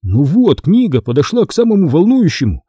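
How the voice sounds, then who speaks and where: An indignant twelve-year-old boy who insists and grumbles, as a male reader puts him on. The pitch is lifted above a dark, husky natural voice, with a lively, bouncing delivery. The sound is close and dry. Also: a little fast, dry recording. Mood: exasperated. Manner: exasperated, insistent. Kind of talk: audiobook character voice.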